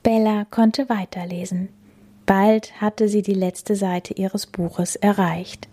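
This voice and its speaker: A woman reading a children's storybook aloud, narrating softly, often in a whisper. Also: medium pitch, steady tone, takes it slowly.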